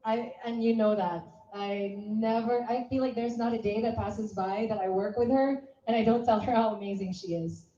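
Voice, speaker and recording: A woman's voice: a little high, normal speed, few pauses, warm tone. A woman, a former beauty queen, gives an effusive, emotional tribute speech at an event and slips in Tagalog phrases. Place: event venue. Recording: echoey hall, slightly dull sound.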